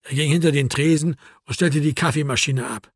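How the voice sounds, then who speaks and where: A man narrating a novel in a wry, even storytelling manner. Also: fairly high pitch, brisk, no echo, studio quality. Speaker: audiobook narrator. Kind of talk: scripted narration.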